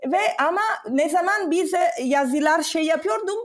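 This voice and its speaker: High-pitched foreign woman, halting broken Turkish. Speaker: interview guest. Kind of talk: casual conversational interview.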